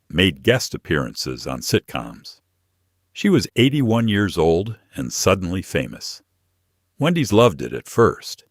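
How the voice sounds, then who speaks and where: A man reading a scripted documentary narration in short, measured, declarative sentences. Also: fairly low pitch, dry recording, clean studio sound.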